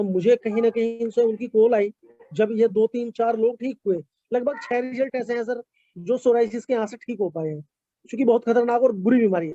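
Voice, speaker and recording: A man's voice: extremely high pitch, dark tone, dry recording. Man, testimonial speaker, polite and hesitant, dry close sound, dull lo-fi audio. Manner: polite, many fillers and repeated "sir". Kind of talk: online meeting talk.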